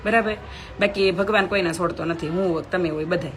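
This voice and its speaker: A woman's voice: fairly low pitch, a little fast. A young woman, streaming live from her home, talking outspokenly and emphatically to viewers and reading their comments aloud. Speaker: live video host.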